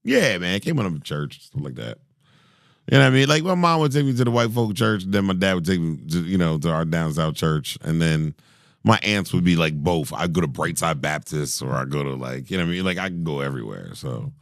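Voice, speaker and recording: This singer, a man in his forties with a deep, gravelly voice, talks briskly as a guest on a podcast. His casual chat is lively, full of laughter and restarted sentences, recorded at studio quality with no echo.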